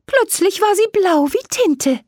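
A woman voicing a cheerful, mischievous little fairy girl in a bright, bubbly voice. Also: very high-pitched, animated, measured pace, no echo, clean studio sound, voice pushed up. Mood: innocent.

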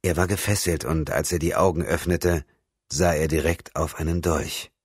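A male narrator reads a story in a very low, calm voice. His delivery is even and steady. The recording is dry and close. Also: moderate pace, husky, no echo. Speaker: audiobook narrator. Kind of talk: scripted narration.

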